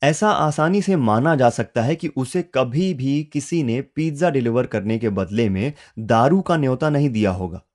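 A man's voice: mid-range voice, expressive, moderate pace, few pauses, darkish tone. A man narrating a story in a wry storytelling manner. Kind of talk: audiobook narration.

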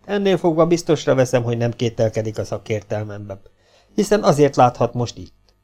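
A man's voice: mid-range voice, big pitch swings, darkish tone, soft background music. A man voicing a pompous, condescending young asylum doctor with a patronizing, self-satisfied manner. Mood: smug.

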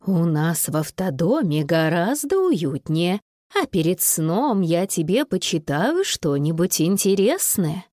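A gently firm mother speaks in a lowered, measured and soothing way, as a woman reads her in an audiobook. Her intonation still moves a lot, and the sound is dry and close. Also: sing-song, dry recording, full character voice. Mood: calm. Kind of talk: audiobook character voice.

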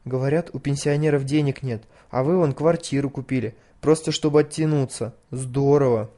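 A man's voice: mid-range voice, fairly even intonation, moderate pace, warm tone, close to an everyday voice. A man voicing a frightened, chatty schoolgirl who squeals and pleads breathlessly. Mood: lively.

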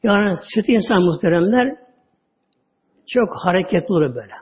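A man giving a religious talk, telling stories with drawn-out words and sudden drops to a low voice. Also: lively intonation. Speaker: religious teacher. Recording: dull lo-fi audio recording.

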